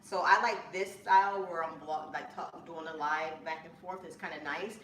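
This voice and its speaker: Woman, cooking host, chatty and rambling, bright forceful voice, echoey kitchen, mic set back. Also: deep voice, normal speed. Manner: chatty, rambling, bursts of excitement. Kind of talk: casual live-stream chat. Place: home kitchen. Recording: echoey room, mic at a distance, faint room noise.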